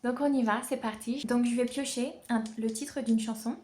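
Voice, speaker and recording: A chatty woman with a fairly high voice talks casually to her camera at home. She pokes fun at herself and sounds out each syllable slowly, like a beginner. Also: fairly even intonation, warm tone. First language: French. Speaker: language-learning vlogger. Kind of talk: casual vlog.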